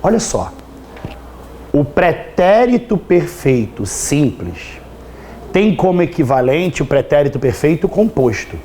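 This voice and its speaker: A man with a Brazilian Portuguese accent teaches grammar in a live class, his fairly high, warm voice slow, very animated, and slightly hoarse over a little hiss or hum. He is chatty and teasing, constantly checking whether the students have understood.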